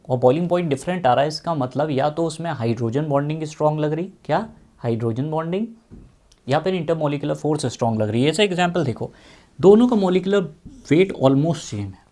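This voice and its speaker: A man's voice: fairly high pitch, lively intonation, moderate pace, dark tone. A man teaching chemistry in a casual explaining style, repeating his questions and stretching out as he writes. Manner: repeats key questions, drawls out terms while writing.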